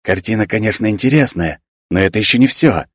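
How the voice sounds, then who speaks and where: A man reading a soft-spoken, preachy sage. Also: fairly low pitch, a little fast, no echo, studio quality, natural voice. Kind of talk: audiobook character reading.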